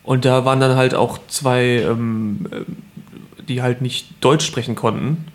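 Young man, mid-pitch voice, relaxed casual storyteller. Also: takes it slowly. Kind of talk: casual chat.

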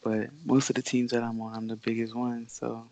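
A young woman speaks a little fast in a very deep, monotone voice with a warm tone. She's a Bahamian pro basketball player who grew up in Florida, guesting on a podcast in an easygoing, laid-back way and laughing frequently.

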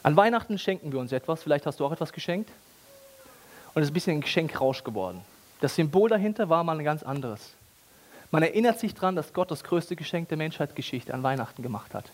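A man's voice: a little high, fast. A man preaching a casual, ironic sermon with everyday language and humor. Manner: animated, ironic, colloquial.

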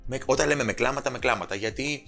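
A man's voice: mid-range voice, expressive, loud music behind the voice. Passionate Greek-speaking man, emphatic. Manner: passionate, emphatic, swears freely, quotes people in changed voices. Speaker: podcast guest, personal trainer and author. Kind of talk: casual podcast conversation.

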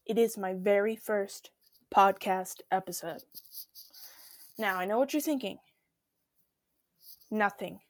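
A young woman hosting her own podcast, telling a dramatic story in a chatty, animated way while sick with strep throat. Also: mid-range voice, slow pace, pauses often, no room sound, clean studio sound. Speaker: podcast host. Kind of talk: casual solo storytelling.

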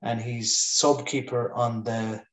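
A man with a west of Ireland accent talking sport casually as a pundit, halting and thinking aloud. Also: mid-range voice, little pitch movement. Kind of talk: casual Gaelic football discussion. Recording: roomy echo, distant from mic.

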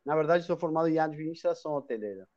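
On a muffled recording, an Argentine man speaking Spanish with his native accent talks quickly in a fairly high, slightly mellow voice with lively intonation. He's the guest in a live online interview, a hostel chain owner who chats freely, restarting often and using lots of tag questions.

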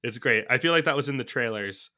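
Man, bright forceful voice, casual movie chat, thinks out loud, laughs a lot. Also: medium pitch, animated, quick pace. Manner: thinks aloud, working through notes; laughs often while talking. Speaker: podcast co-host.

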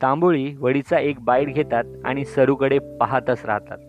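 A man narrating a story in a slow, measured reading. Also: medium pitch, steady tone. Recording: dull lo-fi sound with faint music.

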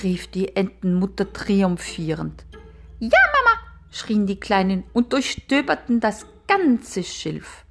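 A woman storyteller reading a fable aloud in a measured storybook manner. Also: mid-range voice, creaky, a little mellow.

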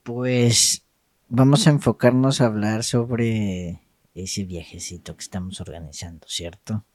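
Mellow, lowish-voiced man chatting. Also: fairly even intonation, unhurried, no echo, studio quality. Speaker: podcast co-host. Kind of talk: casual, reflective chat.

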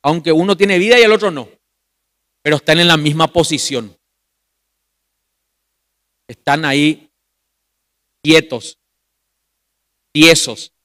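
A man preaching a sermon at a youth meeting as pastor, calling his listeners brother and asking rhetorical questions, with big swings between loud emphasis and hushed, drawn-out phrases. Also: a little high.

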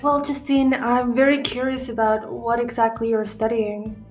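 A woman from Estonia puts casual questions to a fellow radio guest. Her voice sits fairly high, and the room echoes around it over faint music. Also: little pitch movement, normal speed, darkish tone. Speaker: volunteer guest asking questions.

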